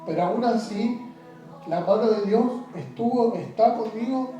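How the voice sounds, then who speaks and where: A man giving a personal testimony in an interview, halting and repeating words, often trailing off quietly. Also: sits high, distant mic. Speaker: interview guest. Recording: very echoey room, off-mic, faint music.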